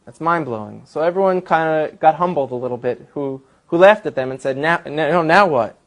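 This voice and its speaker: A man with a slightly raised pitch answers as a guest in a long, earnest explanation. He builds his case point by point in a steady lecture-like way. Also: fairly quick. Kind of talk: explanatory talk.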